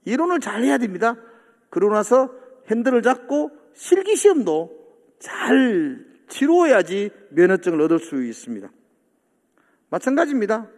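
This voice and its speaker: A man preaches from a church pulpit. His voice sits high and swings widely in pitch as he acts out the disciples' complaints. The sanctuary leaves a long reverb trailing behind each phrase. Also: big pitch swings, moderate pace, darkish tone. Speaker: pastor. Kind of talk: sermon.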